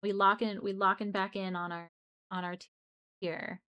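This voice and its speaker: Young woman, streamer, casual rambling chat, mid-height pitch, frequent restarts. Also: level tone, normal speed, smooth, lo-fi sound.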